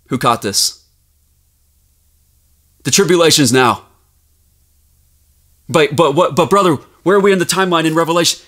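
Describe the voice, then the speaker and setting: A man preaching a fervent sermon, reading scripture aloud and rising to shouts as he rebukes his listeners. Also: a little high.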